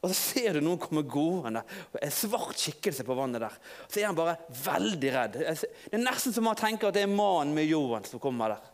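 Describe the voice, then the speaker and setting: A man preaching in an informal storytelling way, halting and restarting often. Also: fairly high pitch, sing-song. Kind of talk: sermon.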